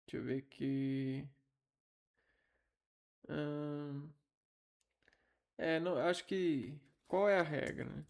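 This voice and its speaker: A man giving an informal linguistics lesson, halting and thinking aloud as he repeats syllables. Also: a little high, steady tone. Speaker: teacher.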